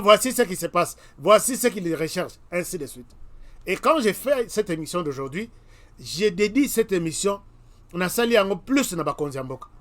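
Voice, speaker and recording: A man's voice: high-pitched, a bit bright. A Congolese man hosting his own web TV channel, talking straight to his viewers in an emphatic commentary monologue full of repeated warnings. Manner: emphatic, repeats warnings, addresses listeners directly. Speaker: web TV host.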